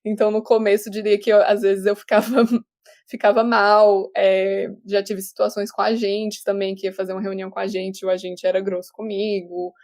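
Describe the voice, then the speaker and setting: On a remote call, a young Brazilian woman appears as an actor guest in a casual interview chat. Her middle-pitched, darkish voice moves at normal speed with a flat delivery, though she laughs easily and keeps restarting sentences as she explains things.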